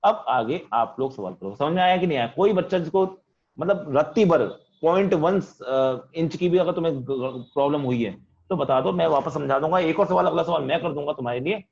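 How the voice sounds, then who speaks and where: A physics teacher speaking, leading an online class in a loud voice that he says is straining from all the shouting. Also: on the high side, fairly quick, creaky, muffled recording. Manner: talks loudly to students, says he is shouting. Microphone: computer mic on video call.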